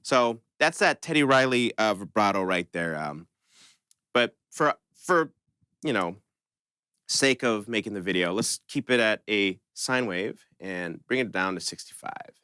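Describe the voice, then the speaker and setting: A synth tutorial channel host speaks in an unhurried, expressive voice that's fairly low, bright and forceful. The recording is dry, clean and studio quality, and his step-by-step music tutorial stays casual and conversational.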